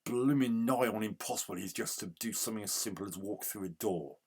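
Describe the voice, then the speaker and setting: A man giving casual gameplay commentary as a retro game reviewer, grumbling in exasperation and yelling at the game. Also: lowish voice, fast talker, husky.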